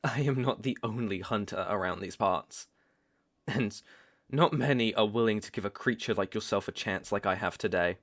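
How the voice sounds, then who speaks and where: A man with a British accent voices a stern young vampire hunter in an ASMR roleplay, threatening yet reluctantly protective. He speaks on the low side with a fairly bright tone, pausing deliberately and sighing, and his mood is wry and resigned.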